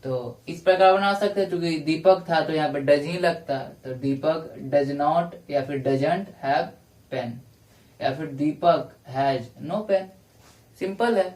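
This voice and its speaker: A male English teacher giving a classroom lecture, explaining grammar rules step by step and repeating each example slowly. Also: fairly high pitch, darkish tone. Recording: echoey room, voice from a distance.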